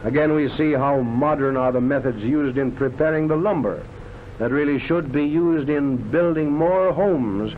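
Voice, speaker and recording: In the declamatory, florid style of a showman, this man narrates a scripted 1930s newsreel-type documentary at normal speed, his voice a little high. Loud music plays behind him on a tinny, band-limited vintage soundtrack, with slight background noise.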